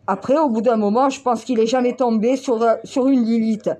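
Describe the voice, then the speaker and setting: High-voiced female vlogger, heated and blunt, freely profane monologue. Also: steady tone, brisk, mellow. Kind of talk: casual ranting monologue.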